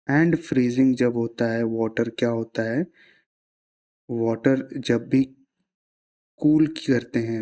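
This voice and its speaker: A man's voice: medium pitch, mellow. A man, teaching science in a casual classroom-style explanation, asking himself rhetorical questions and mixing in English terms.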